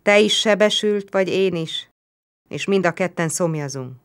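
A woman's voice: lowish voice, clean tone, pitched above the performer's own voice, lightly acted. A woman doing a trapped wounded soldier. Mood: urgent. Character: wounded young man soldier, trapped under horses.

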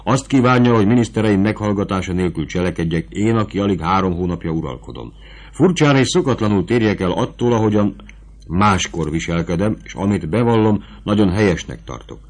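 A man's voice: sits low, lively intonation, a little mellow. A man reading the part of a passionate, anxious young prince in an audiobook, in an earnest, pleading manner.

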